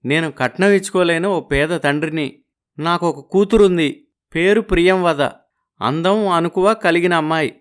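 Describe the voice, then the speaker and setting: A man's voice: a little high, normal speed, clean tone, lightly acted. A man voicing a poor, worried village father who speaks humbly and pleads respectfully. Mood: pleading. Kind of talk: audio story acting.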